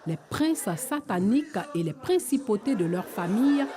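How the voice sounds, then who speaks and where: A woman with an Ivorian French accent narrating a TV news report in a clear, formal voice-over. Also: a little high, very animated, moderate pace, crowd noise, noisy background.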